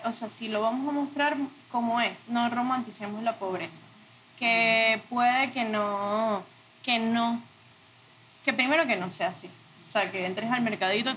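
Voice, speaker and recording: A woman's voice: fairly high pitch, fairly bright tone, a little hiss or hum, low-quality recording. A woman speaking reflectively in an interview, searching for words and correcting herself. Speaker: interview guest, audiovisual art director.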